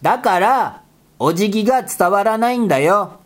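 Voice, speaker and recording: Woman doing a rough-talking rabbit dude, scolding and exasperated, pitch swooping all over, comedy skit. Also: animated, normal speed, lightly acted. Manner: rough boyish speech, scolding retorts. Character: gruff bossy rabbit guy, exasperated straight man.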